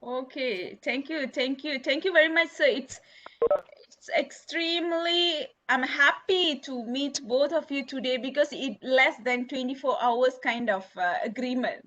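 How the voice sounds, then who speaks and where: A woman's voice: sits high, unhurried, a bit bright. A woman with a Malaysian English accent hosting an informal online discussion, chatty with many fillers, on a video call. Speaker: academic host of online session.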